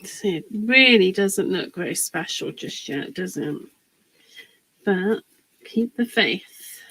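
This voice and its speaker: A woman's voice: medium pitch, lively intonation, pushed and bright, breathy edge, rough recording. A woman chatting to viewers in a live crafting demonstration, talking as she works. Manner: chatty and unhurried, talks while working.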